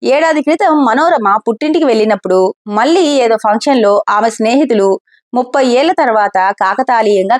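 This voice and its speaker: A woman storyteller reads a scripted story aloud, steady and expressive. Her voice sits a little high for a woman.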